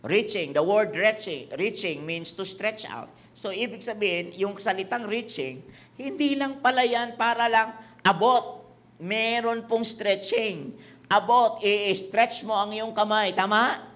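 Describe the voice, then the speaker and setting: The pastor's voice is high, his tone fairly bright, and his pace measured. Before a congregation in a church hall, he preaches in a Tagalog-English mix, repeating himself and poking fun at the people listening.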